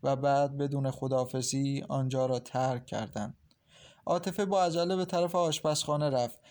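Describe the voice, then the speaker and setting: A man reading a novel aloud as audiobook narrator, calm and even. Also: mid-range voice. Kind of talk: scripted narration.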